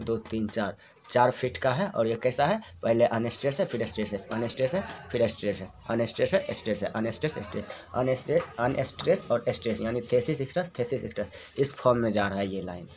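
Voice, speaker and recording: A man's voice: mid-range voice, slight background noise. Man patiently explaining a classroom lesson. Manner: patient, step-by-step, repeats words to show pronunciation. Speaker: teacher.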